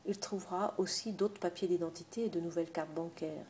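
Woman narrating a novel, low mellow voice. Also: fairly even intonation, brisk, a little hiss or hum. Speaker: audiobook narrator.

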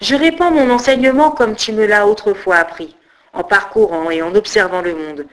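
A woman's voice: medium pitch, moderate pace, natural voice, rough recording. A woman doing an earnest young philosopher man. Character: earnest, grateful young male philosopher, devoted student.

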